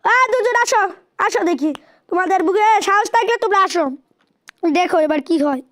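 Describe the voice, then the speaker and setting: A woman narrates her horror game run with a very high, shrill voice. She taunts and shouts at the game's villains as she plays. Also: animated, brisk. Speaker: gaming channel host. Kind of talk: excited horror game commentary.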